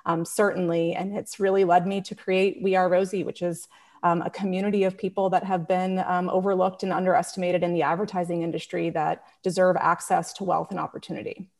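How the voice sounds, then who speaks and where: A woman's voice: on the low side, little pitch movement, a little fast, darkish tone. A woman introducing herself on a panel in an earnest, reflective way. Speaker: panelist, founder.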